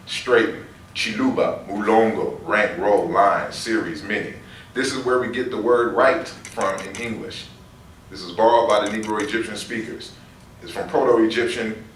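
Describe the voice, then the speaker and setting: A man lectures in a low voice, working through long lists of words one at a time. He is heard from some distance in a roomy, echoing space. A faint hiss sits under the recording. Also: a bit bright. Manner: explains by reading out word lists. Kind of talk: lecture on word roots. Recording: roomy echo from far off, faint noise.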